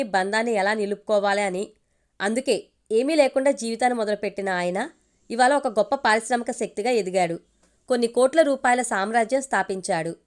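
A woman narrating a family story in the first person, with a steady, expressive reading. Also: a little high. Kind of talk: audiobook narration.

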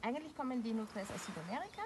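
A woman's voice: on the high side, animated, very fast. A young Austrian woman explains animals to children in a kindergarten teacher manner, using simple words, recorded outdoors. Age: young adult. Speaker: animal trainer and presenter. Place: outdoors in a small animal enclosure. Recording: clear outdoor background noise, animal sounds.

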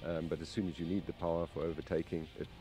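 A man engineer answering interview questions outdoors at a race track, measured and hesitant. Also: low-pitched, level tone, mellow, faint music behind. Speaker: automotive engineer.

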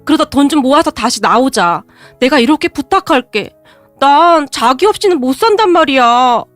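A whining husband pleading in a storybook tale, as a woman reads him out. He begs and clings, the voice pitched high and raised in volume. The read is dry and close, with faint music under it. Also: expressive, normal speed, fairly bright tone, dry recording. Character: pleading, begging husband in his thirties.

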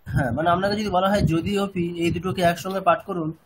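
A man's voice: sits high, steady tone, fairly quick, background noise. A man with a West Bengal Bengali accent teaching Sanskrit chanting, asking rhetorical questions and repeating his points. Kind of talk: explaining lesson to students.

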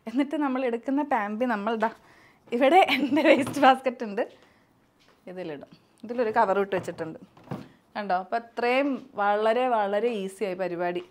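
Her voice fairly high and her pace normal, a young mother pauses often while casually presenting her nursery setup at home for a vlog. She soothes a crying baby in sing-song as someone else operates the camera.

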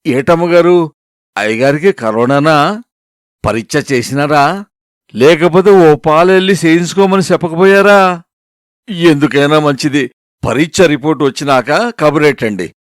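A man's voice: on the high side, a little slow, long pauses, no room sound, clean studio sound, close to an everyday voice. A man voicing a frightened young village housemaid with rustic speech. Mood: worried.

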